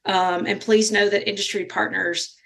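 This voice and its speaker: A woman giving interview answers as a podcast guest, polite and measured, sometimes halting and repeating words. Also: mid-range voice, level tone, vocal fry, fairly bright tone. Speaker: podcast guest from a nonprofit organization.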